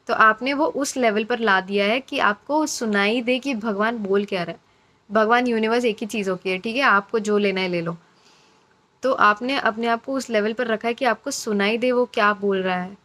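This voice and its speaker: A woman's voice: a little high, fairly bright tone. A woman giving a casual, encouraging intuitive reading to her viewers, chatty and repeating phrases for emphasis. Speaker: intuitive card reader.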